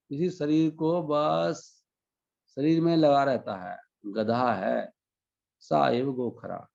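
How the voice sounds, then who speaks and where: A man giving a devotional discourse, explaining scripture line by line and chanting Sanskrit verses slowly. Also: medium pitch, vocal fry, a little mellow, highs cut off. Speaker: spiritual teacher.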